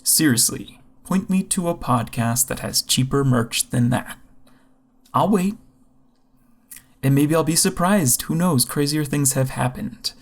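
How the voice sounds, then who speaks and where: A man's voice: fairly high pitch, measured pace. A man reading a scripted merch promo for a podcast in a wry, upbeat tone. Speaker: podcast announcer.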